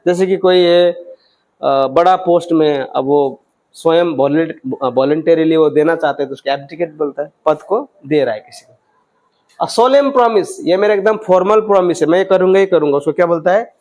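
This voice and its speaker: A man teaching English vocabulary, often quizzing his students and reading English phrases out slowly. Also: a little high, a little mellow, rough recording. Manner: quizzing, repeats questions to students; mixes English phrases into explanations, reads them slowly. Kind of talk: vocabulary lesson.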